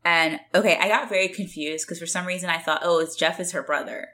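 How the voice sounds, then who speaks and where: A woman's voice: fairly low pitch, fast talker. A young woman co-hosting a podcast from home, chatting casually and laughing often while recapping a TV show and mimicking the characters. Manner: animated, laughs often, mimics people in quoted asides. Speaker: podcast co-host.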